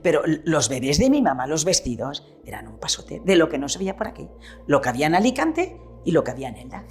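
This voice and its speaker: Lively older woman with Valencian-tinged Spanish. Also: deep voice, fast, soft background music. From Petrer, eastern Spain. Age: 70s. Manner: animated storyteller who acts out remembered dialogue. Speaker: retired shopkeeper. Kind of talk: reminiscing interview.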